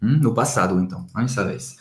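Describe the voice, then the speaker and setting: A woman's voice: a bass voice, quick pace, darkish tone, reverberant. A woman with a Pernambuco accent from Brazil, co-teaching French in Portuguese, encouraging and repeating examples. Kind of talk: bilingual French lesson.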